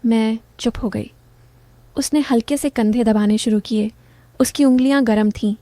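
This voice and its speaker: A woman's voice: on the high side, fairly even intonation, moderate pace, warm tone, dry recording. A middle-aged woman narrating a first-person story in a confiding, intimate manner.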